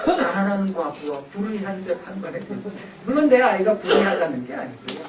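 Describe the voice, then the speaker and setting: A man lecturing to a church audience on talking with children, playful and animated as he acts out little scenes. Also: sits high, a little hiss or hum. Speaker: seminary professor and guest lecturer. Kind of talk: church lecture on family communication. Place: church hall. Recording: echoey hall, far from mic.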